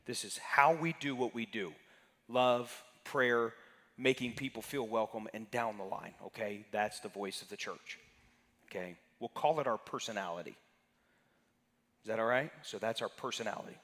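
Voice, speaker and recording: Pastor guy teaching sunday class, kinda low voice, chatty, asks folks questions, big echoey church hall. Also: normal speed, fairly bright tone. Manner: conversational, questions the congregation by name. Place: church sanctuary. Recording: reverberant sanctuary hall.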